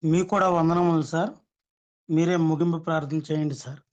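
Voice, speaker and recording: Male prayer group member, higher-pitched voice, polite and quick. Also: fairly even intonation.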